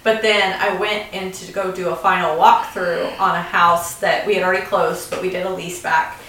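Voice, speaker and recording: A woman's voice: lowish voice, fairly even intonation, moderate pace, fairly bright tone, distant mic. A woman in her thirties co-hosting a podcast, telling stories in casual chat and laughing easily. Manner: chatty storyteller, laughs easily. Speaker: podcast co-host. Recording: echoey room, off-mic.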